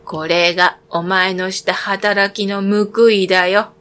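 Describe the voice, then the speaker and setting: A woman voicing a stern old woman of a fairy tale in a storybook reading, slow and measured. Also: medium pitch, level tone, fairly bright tone.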